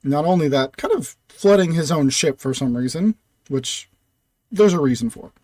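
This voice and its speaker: A man's voice: a little high, darkish tone, no echo. Young man casually retelling a fantasy campaign. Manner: loose, casual phrasing full of "kind of" and "like". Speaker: storyteller recapping a tabletop campaign. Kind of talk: casual story narration.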